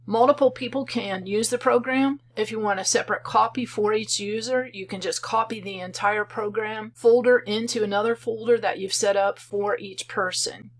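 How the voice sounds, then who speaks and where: Woman presenter for a software walkthrough, mid-pitched voice, calm and methodical, explains each step plainly. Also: moderate pace, few pauses. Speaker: software creator demonstrating her program. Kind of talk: screen-recorded software tutorial.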